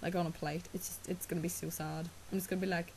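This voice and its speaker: Fast-talking and fairly low-pitched, a teenage Irish girl whose native language is Irish chats casually as a vlogger, her voice flat in pitch, darkish, and full of vocal fry. She rambles with plenty of ums and likes and has a sore throat from a cough. There's slight background noise.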